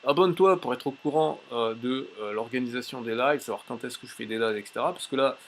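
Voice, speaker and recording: A man teaching a language tips lesson in a casual, chatty way, pausing often with fillers as he shows a website on screen. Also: mid-range voice, slight background noise. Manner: chatty, many "euh" fillers and restarts. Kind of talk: casual tutorial with screen demo.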